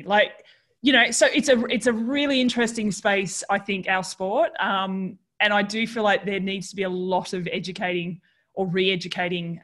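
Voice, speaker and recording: A woman's voice: mid-range voice, fairly bright tone. A woman hosting a podcast in casual conversation, chatty and full of fillers and restarts. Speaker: podcast host.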